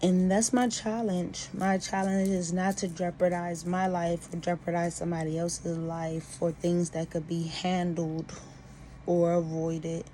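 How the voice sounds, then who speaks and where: A woman's voice: fairly low pitch, little pitch movement, a little slow, warm tone, slight background noise. A woman venting about personal grievances to camera in an emphatic, aggrieved way.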